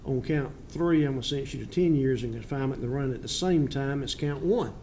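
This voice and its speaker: A man's voice: mid-range voice, fast talker, darkish tone. A man speaking as a judge from the bench, admonishing sternly in plain folksy terms during sentencing. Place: courtroom. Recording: echoey courtroom with faint noise.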